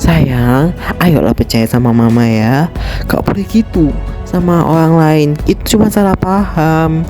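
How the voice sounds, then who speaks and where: A woman's voice: deep voice, measured pace, mellow, soft background music. A woman voicing a scheming mother in an amateur game drama, speaking in a coaxing, syrupy, defensive way. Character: scheming mother, sweet-talking her daughter.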